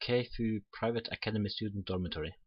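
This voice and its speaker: On his channel, a let's player with a lowish voice reads a game's story aloud quickly, mixing in relaxed side remarks. The sound is muffled and roomy, with music faintly playing behind him.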